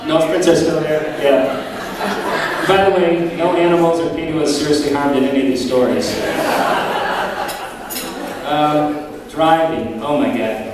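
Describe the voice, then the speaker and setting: A middle-aged man gives a father of the bride speech, telling funny stories in a loose, rambling way. He is picked up from a distance in a very reverberant hall, with a crowd clearly audible around him. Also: a little high, fairly even intonation, unhurried, pauses often. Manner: informal rambling storytelling. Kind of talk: father of the bride speech, humorous anecdotes at a wedding reception. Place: large wedding reception room. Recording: very echoey hall, distant mic, crowd noise. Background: reception crowd.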